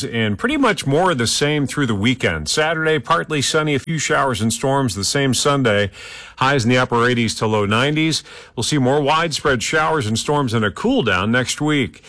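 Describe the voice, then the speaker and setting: A man, a meteorologist, reading a brisk radio weather forecast. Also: medium pitch, fairly bright tone, no room sound.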